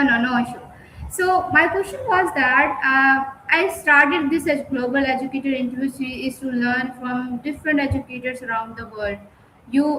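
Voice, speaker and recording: A woman hosting an interview over a video call, asking polite, halting questions with fillers. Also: high voice, bright, forceful tone. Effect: video call audio. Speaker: interview host. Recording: echoey room, faint background noise, video call.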